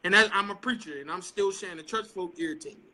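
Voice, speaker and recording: A man's voice: high-pitched, fast talker, bright, forceful tone. A man who is a preacher, talking with passion and frustration in a Bible study discussion. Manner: impassioned, preachy, voices frustration.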